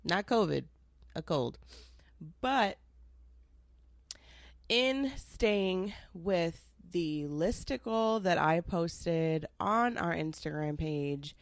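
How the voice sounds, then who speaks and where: A young woman with a lowish voice and vocal fry talks straight to her listeners in a loose, rambling solo podcast, wandering into asides and dropping the odd swear word. She sounds slightly nasal and stuffed up from a cold, and the sound is close and dry.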